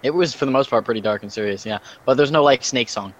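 A man's voice: medium pitch, fast, lo-fi sound. A man co-hosting a podcast, talking in a dry, teasing and profane way. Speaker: podcast co-host. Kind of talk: casual chat.

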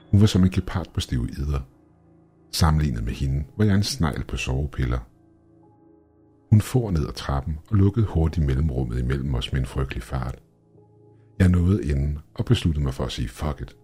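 Very deep, husky male horror narrator. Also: lively intonation, dark tone, faint music behind. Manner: tense, measured storytelling.

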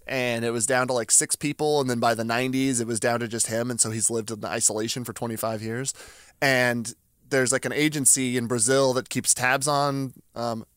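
A man's voice: medium pitch, a bit bright, clean tone, dry recording, clean studio sound. A young man co-hosting a podcast, chatting casually in a flippant, sarcastic way. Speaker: podcast co-host.

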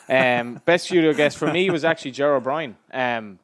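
A man with a west of Ireland accent hosting a podcast in casual, animated, slangy and sweary banter. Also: medium pitch, normal speed. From Galway, west of Ireland. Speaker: podcast host.

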